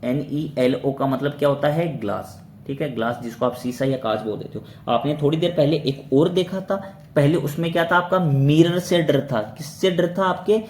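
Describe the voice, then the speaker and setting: Male vocabulary teacher, rather high voice, quizzing and repeating each word, spells letter by letter, echoey room. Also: normal speed. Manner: asks and answers his own questions, repeating each word. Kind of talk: exam-prep vocabulary lesson. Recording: roomy echo with faint background noise.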